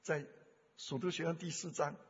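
Husky high-voiced male preacher. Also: steady tone, moderate pace. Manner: fervent, swinging from hushed storytelling to loud exhortation. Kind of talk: sermon. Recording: dull sound with long hall reverb.

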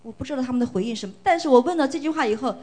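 Woman from China, middle-aged, fairly high voice, earnest church testimony, emotional, repeats words for emphasis. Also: lively intonation, very fast, darkish tone. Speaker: church member giving testimony.

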